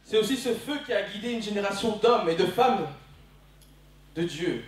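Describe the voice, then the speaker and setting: A Belgian man in his twenties preaches a passionate, emphatic sermon full of repeated phrases during a service in a church hall. His high voice is animated at normal speed. The recording is very noisy and very echoey, with a distant mic.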